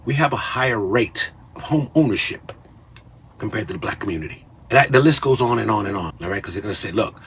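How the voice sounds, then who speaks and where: In this clip, a man from Cuba in his fifties rants at the camera in a lecturing, confrontational tone, his Spanish accent clear and his lines capped with "okay?". He talks fast and animatedly in a fairly low, slightly bright voice with a breathy edge.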